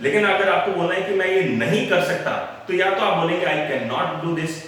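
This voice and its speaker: A man's voice: high-pitched, moderate pace, a bit bright, far from the mic, a little hiss or hum. A man teaching an English lesson, patiently repeating example sentences. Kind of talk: online spoken-English lesson. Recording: very echoey room, voice off-mic.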